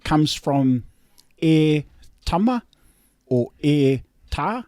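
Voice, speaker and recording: A man's voice: on the high side, expressive, very slow, darkish tone, dry recording, studio quality. A middle-aged man with a broad Kiwi accent chatting casually and in a laid-back, blokey way as a podcast co-host. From New Zealand. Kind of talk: casual chat.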